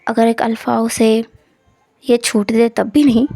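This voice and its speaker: A woman voicing a calm, gentle seventeen-year-old husband in a measured, lowered voice. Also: dry recording, faint music behind.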